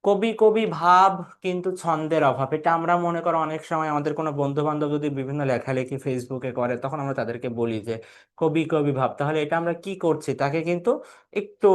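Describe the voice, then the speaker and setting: A young male teacher from Bangladesh going through exam questions in an online class, asking questions, answering them himself and calling out the names of students who got them right. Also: a little high. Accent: Bangladeshi Bengali.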